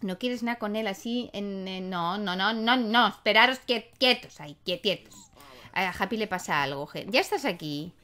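A woman's voice: medium pitch, moderate pace, bright, forceful tone. A young woman, chatting casually as she plays a life-simulation game and talks to her characters. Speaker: gaming YouTuber. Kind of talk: casual gameplay commentary.

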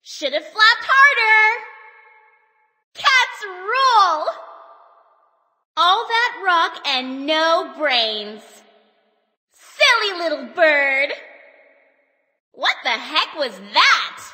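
A smug, playful cat goddess teases her foes in a video game. Her voice sits very high and bright, drawn out slowly, with long reverb behind it. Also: sing-song, heavily acted. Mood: teasing. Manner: cutesy, teasing. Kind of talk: video game taunt voice acting.

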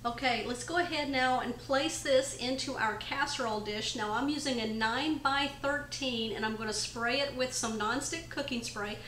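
Her voice sits high and fairly bright, and she speaks at a normal speed with hardly any pauses, over a little hiss or hum. She's a middle-aged home cooking channel host taking viewers casually through a casserole recipe in her kitchen.

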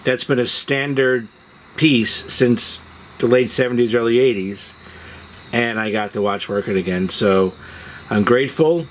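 Sitting outdoors on a porch as dusk falls, a male video host shares personal stories in an easygoing way. His mid-range voice is unhurried, and the low-quality audio carries outdoor noise from chirping crickets and insects.

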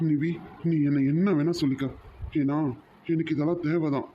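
A man playing a pleading young man, apologetic, slightly high voice, a bit muffled. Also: fairly even intonation, moderate pace, dark tone, a little hiss or hum, close to an everyday voice. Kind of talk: dramatic cartoon voice acting.

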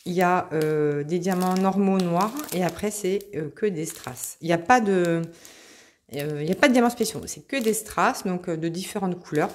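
A craft vlogger with a lowish voice talks at a moderate pace in a casual show-and-tell haul. She chats about her craft purchases, hesitant and full of fillers, gushing over the cute items.

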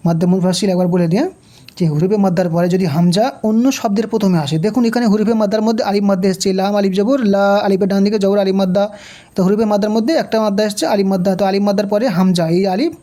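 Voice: medium pitch, steady tone, very fast, dark tone. A Quran reading teacher giving a step-by-step recitation lesson, patiently spelling out letters and vowel marks and repeating each rule.

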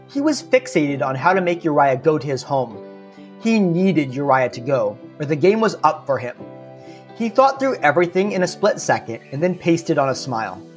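A male podcast narrator retells an old story in a casual, mocking tone, tossing in wry little asides. His voice sits a bit high and swings widely in pitch. Faint music plays beneath him.

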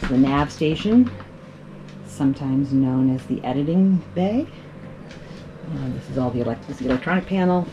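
Low-voiced woman touring her sailboat. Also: moderate pace, pauses often, dull audio, slight background noise. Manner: relaxed, pointing things out with frequent ums. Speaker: boat owner giving a tour. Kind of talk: casual walkthrough narration. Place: on and inside a sailboat at anchor, outdoors on deck then in the cabin.

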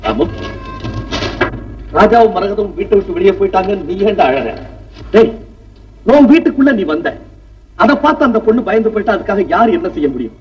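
A man's voice: high-pitched, lively intonation, a little fast, pauses often. An actor playing a stern, grieving old father in a 1960s film, talking in a commanding then mournful way. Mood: coaxing. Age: older. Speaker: family patriarch in a film. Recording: dull distant old film soundtrack with music.

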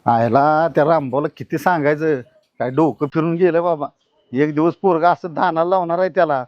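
A man's voice: on the high side, fairly even intonation, brisk, no room sound, dull audio, natural voice. A man playing a distraught village father who pleads and scolds emphatically in a short film. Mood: advising. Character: distraught rural father defending his daughter.

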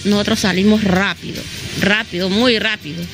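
Interviewed in the open air at her house, a middle-aged resident with a southern Honduran accent speaks into a handheld reporter microphone, repeating phrases and often asking "¿verdad?". Her mid-range voice holds fairly even intonation at a normal speed. Music plays underneath.

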